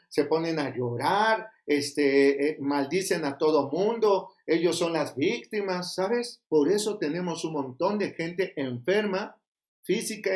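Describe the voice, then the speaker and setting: A middle-aged Mexican pastor preaching a sermon, scolding and emphatic, firing rhetorical questions at the congregation. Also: male voice, a little high, a little mellow. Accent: Mexican Spanish.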